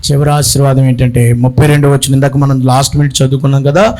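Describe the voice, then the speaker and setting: A man preaching a sermon as a bishop, telling stories and acting out the people in them, with sudden shouted lines. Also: mid-range voice, quick pace. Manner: animated preacher, acts out characters and bursts into shouts. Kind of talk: Telugu sermon with storytelling.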